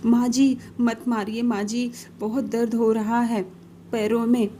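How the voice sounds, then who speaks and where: A woman voicing a meek, mistreated young daughter-in-law who pleads softly in a cartoon story. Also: mid-range voice, fairly even intonation, measured pace, slight background noise, lightly acted. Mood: pleading in pain. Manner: pleading, tearful.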